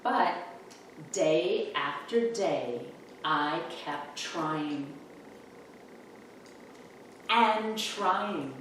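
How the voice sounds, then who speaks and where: A woman reading a children's picture book aloud in an expressive, deliberate storytelling manner. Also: low-pitched. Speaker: storybook reader. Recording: echoey, distant mic, faint room noise.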